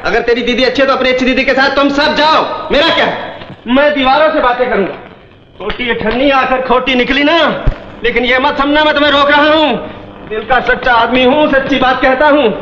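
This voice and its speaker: A man's voice: very high voice, a little fast, bright, forceful tone, slight background noise. An actor playing a young man, a sulky and sarcastic big brother who runs a small eatery, scolding in a wounded way. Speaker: lead film character. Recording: muffled roomy 1970s film soundtrack.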